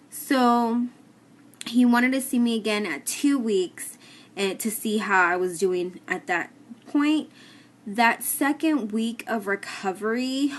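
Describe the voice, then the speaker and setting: Woman, casual vlog update, plain-spoken, slightly hesitant, mid-pitched voice, audible room noise. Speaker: vlogger giving a personal update. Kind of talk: casual talk to camera. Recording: clear background noise, room ambience.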